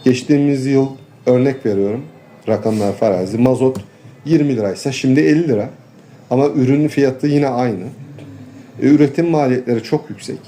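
A man, a farmer and local official, talking earnestly in a street interview and pausing often with fillers. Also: mid-range voice, warm tone, a little hiss or hum. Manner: earnest, complaining, halting with fillers.

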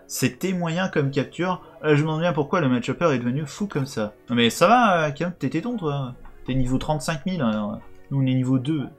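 A man's voice: fairly high pitch, animated, a little fast, soft background music. Crude joking young male streamer. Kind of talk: live let's play commentary.

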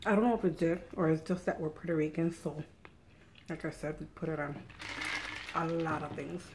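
A woman's voice: deep voice, steady tone, moderate pace, a little mellow, slight background noise. A middle-aged woman hosting an eating show, chatting casually while she eats at home. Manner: chatty, eats and talks with mouth full.

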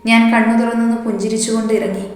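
A woman's voice: a little high, flat delivery, rapid-fire, a little mellow. A woman reading a romantic story aloud as the narrator, giving the characters' lines in her own voice. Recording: very echoey room.

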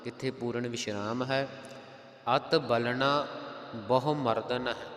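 A man with a Punjabi accent teaches recitation at an unhurried pace. He moves between drawn-out, melodic chanting and brisk spoken notes on pronunciation. His voice carries a long, roomy reverb, as if recorded in a hall. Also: mid-range voice, steady tone, a bit bright. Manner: alternates slow melodic chanting with quick explanations. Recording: echoey hall sound.

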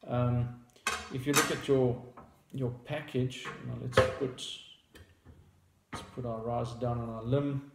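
A South African company founder in his thirties explains a product to camera from a table in a small indoor room, talking casually but hesitantly with many fillers and restarts. His medium-pitched voice is slow, fairly even and fry-tinged, in a reverberant space with heavy background noise.

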